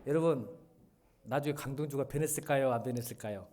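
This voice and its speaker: A middle-aged man, a pastor, preaching a sermon in a church, shifting between quiet, earnest lines and loud, animated retellings. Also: mid-range voice, fast. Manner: animated, swings from soft to loud when retelling a drama scene. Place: church sanctuary.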